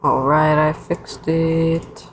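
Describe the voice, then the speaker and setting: A woman's voice: sits low, little pitch movement, drawn-out words, slight background noise. A woman streamer giving casual, wisecracking live commentary while reacting to a video. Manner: wisecracking, incredulous, slangy.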